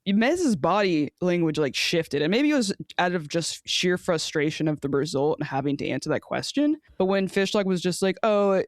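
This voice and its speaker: A woman's voice: on the low side, lively intonation, normal speed, hardly any pauses, dry recording, clean studio sound. A woman co-hosting a casual sports podcast, blunt and frustrated, swearing and laughing as she talks. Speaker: podcast co-host.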